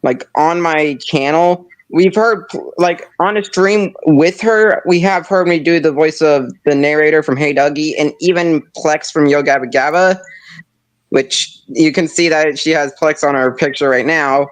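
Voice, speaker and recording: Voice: medium pitch, unhurried. A streamer chatting casually on a live stream, rambling with many restarts.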